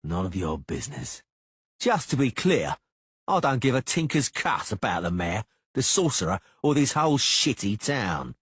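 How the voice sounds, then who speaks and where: A man voicing a brash, hotheaded young male duelist who jeers and shouts his challenges, with a husky voice. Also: mid-range voice, big pitch swings, normal speed, no room sound, pitched above the performer's own voice. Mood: taunting. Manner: loud, jeering, shouting challenges.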